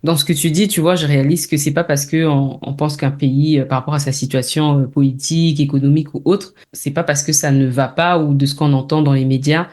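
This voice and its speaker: A woman hosting a casual interview podcast, encouraging and quick to respond with backchannels. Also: low voice, fairly even intonation, a little mellow. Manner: encouraging, frequent backchannels and laughter. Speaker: podcast host.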